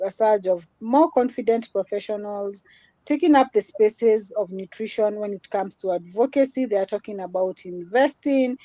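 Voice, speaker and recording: As a guest speaker in a live session, a woman with a small, mid-range voice and dark tone delivers an earnest motivational talk. She repeats herself and blends Swahili into English. There is no echo.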